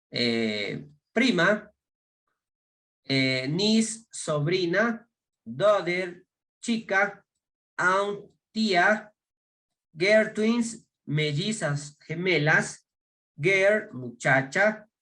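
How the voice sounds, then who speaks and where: A man's voice: a little high, bright, forceful tone. A man with an Ecuadorian Spanish accent teaching an online English class, reading each English word aloud and explaining it in Spanish. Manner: slow, explaining in Spanish and modeling English words.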